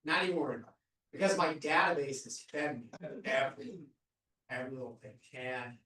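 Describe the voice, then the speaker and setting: A man's voice: mid-range voice, a little fast, bright, forceful tone. A man on a discussion panel who talks casually, with many fillers. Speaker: real estate agent panelist. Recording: echoey room, mic at a distance.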